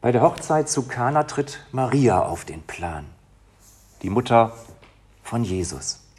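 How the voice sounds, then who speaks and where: A man delivers a sermon with a husky, breathy edge to his voice. He speaks as a pastor addressing his congregation, moving from hushed, intimate phrases to emphatic, rising appeals. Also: medium pitch, very animated, unhurried. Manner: emotional, dynamic, swings from soft to emphatic.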